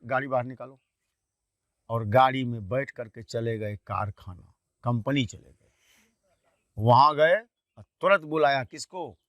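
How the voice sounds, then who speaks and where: A man teaching a class, retelling a textbook story in a colloquial way and repeatedly asking quick questions that he answers himself. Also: mid-range voice, fairly bright tone, dry recording, studio quality. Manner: poses quiz questions and answers them himself.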